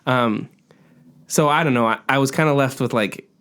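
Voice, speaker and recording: A man's voice: mid-range voice, moderate pace, a bit bright, clear, resonant tone. A man co-hosting a podcast in casual chat, rambling with many fillers. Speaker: podcast co-host.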